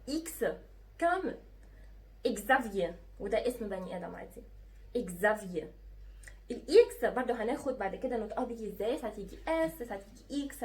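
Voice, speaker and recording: A woman's voice: mid-range voice, a little mellow, far from the mic. A woman with an Egyptian accent teaching a lesson, patiently spelling out letters and repeating each sound. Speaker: French teacher.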